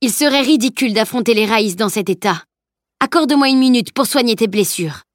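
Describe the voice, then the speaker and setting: A woman's voice: a little high, expressive, brisk, no echo, clean studio sound, voice pushed up, natural voice. A woman reading an audiobook, voicing an authoritative man who gives orders. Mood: commanding. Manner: authoritative, curt. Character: commanding male dreamer healer.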